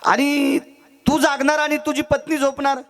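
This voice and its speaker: A man preacher voicing a caring old male saint who asks questions in a raised, lively voice, in a devotional sermon story. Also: very high voice, normal speed, pitched above the performer's own voice.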